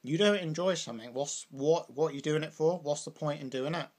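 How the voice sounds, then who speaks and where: His voice sits on the high side but has a darkish tone, and he speaks briskly. He's a young British man vlogging as he eats, rambling casually with lots of "like" and "you know."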